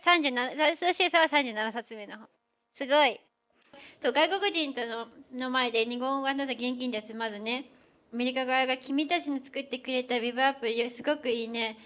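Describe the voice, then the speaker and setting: Fast, bright-voiced chatty woman. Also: sits high. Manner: chatty, acts out quoted exchanges. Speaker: co-author and presenter. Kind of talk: lively event talk.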